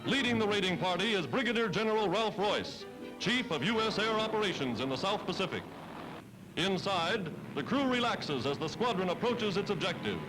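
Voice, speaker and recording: A man with a high, lively voice speaks at a normal pace on a low-quality recording. He is an American narrating a scripted 1940s wartime newsreel in an emphatic, declamatory style, and fairly loud music plays beneath him on the vintage soundtrack.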